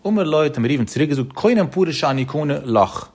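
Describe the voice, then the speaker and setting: A man giving a Talmud study lecture in a sing-song study-hall intonation, rising and dropping in pitch as he works through the text. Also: lively intonation, brisk, darkish tone. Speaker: Talmud teacher.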